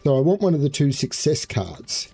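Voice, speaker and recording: A man's voice: fairly high pitch, very animated, normal speed, vocal fry, dark tone, faint music behind. A man playing a video game, reading its story text aloud like a storyteller and adding offhand commentary. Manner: switches between storyteller reading and offhand remarks. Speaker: gaming video player.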